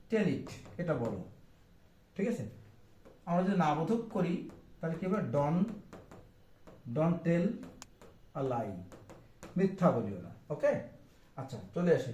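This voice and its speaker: A man's voice: a little high, dark tone, reverberant. A Bangladeshi man teaching a children's English lesson, repeating each phrase over and over. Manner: repetitive, drills phrases over and over. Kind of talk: classroom-style English lesson in Bengali.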